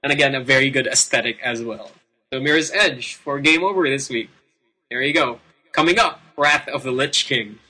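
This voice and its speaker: A Filipino man hosts a casual gaming show. His mid-pitched voice is very bright and sharp, with a Filipino accent. He rambles unscripted and leans emphatically on repeated words. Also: moderate pace, breathy edge, poor audio. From Philippines. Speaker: video game show host. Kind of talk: casual, unscripted game commentary.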